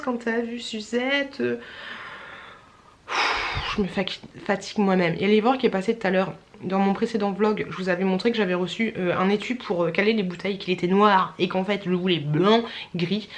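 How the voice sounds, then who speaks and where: A woman's voice: medium pitch, quick pace, a little hiss or hum. A young woman vlogging in casual, rambling chat, a little tired, with many fillers.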